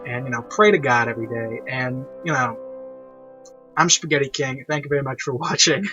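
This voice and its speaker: Over a muffled lo-fi mic with classical orchestral and piano music behind him, an online reviewer hosts a loose, unscripted review. His mid-range voice is pushed and bright, his pace brisk, and he rambles and repeats himself to hammer home his argument.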